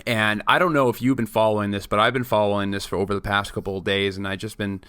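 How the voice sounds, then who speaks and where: A man in his late twenties co-hosts a casual podcast, joking and rambling with frequent restarts. His voice sits fairly low, and the close recording is dry. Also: steady tone, quick pace, a bit bright, clean tone, dry recording. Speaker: podcast co-host.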